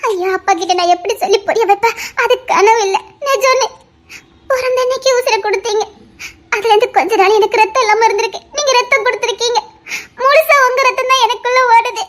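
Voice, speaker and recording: A woman's voice: extremely high pitch, fairly quick, a bit bright. A tearful little girl. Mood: tearful pleading. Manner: tearful and pleading, with nervous laughter. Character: small tender daughter pleading with her father. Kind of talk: Tamil audio drama acting.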